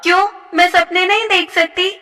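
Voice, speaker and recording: A woman voicing a timid, bullied schoolgirl in a high, pleading childlike voice, in a cartoon story. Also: fairly even intonation, moderate pace, pushed and bright, long reverb tail, distant mic.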